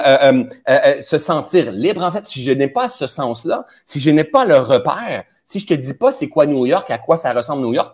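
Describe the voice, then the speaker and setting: A man with a Québécois French accent hosting a spiritual live stream, greeting viewers and speaking directly to them with many fillers. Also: medium pitch. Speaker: host of a personal growth live stream. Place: indoors, traveling.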